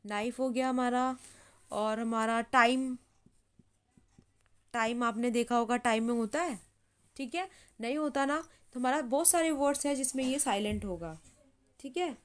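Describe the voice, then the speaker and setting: A woman teaching English pronunciation in Hindi, repeating each word slowly as she writes it and checking in with "ठीक है" again and again. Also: on the high side. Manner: repeats words slowly while writing, says "ठीक है" often. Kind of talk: slow explanatory lesson.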